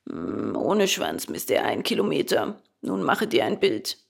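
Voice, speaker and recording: Eine Frau spricht einen heiseren alten Delfin. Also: female voice, low-pitched, heavily acted. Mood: resigned calm. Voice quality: hoarse. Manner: calm, unhurried. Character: old male dolphin, calm, resigned, philosophical.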